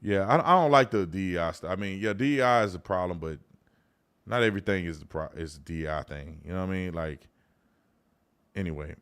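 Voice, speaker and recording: This live commentary host, a middle-aged man, has a low, slightly bright, clean-toned voice and a brisk pace. He chats informally with viewers, speaking straight to them and reading out what they send in.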